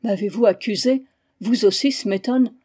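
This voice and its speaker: A woman's voice: mid-range voice, steady tone, normal speed, a little mellow, close to an everyday voice. Woman reading as a distraught imprisoned queen. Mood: anguished. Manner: pleading, anguished cries.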